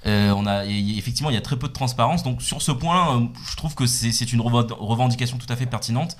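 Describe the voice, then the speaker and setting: Halting man in casual podcast talk. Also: mid-range voice. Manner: halting, repeats words and fillers. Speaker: podcast co-host. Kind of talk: casual chat.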